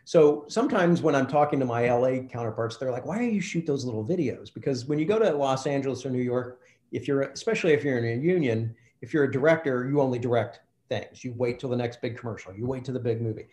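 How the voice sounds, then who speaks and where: A film director from Kentucky, with a mid-range, slightly mellow voice, rattles off a behind-the-scenes anecdote fast with hardly any pauses. It's a storytelling interview chat with roomy echo, and he acts out the quoted exchanges.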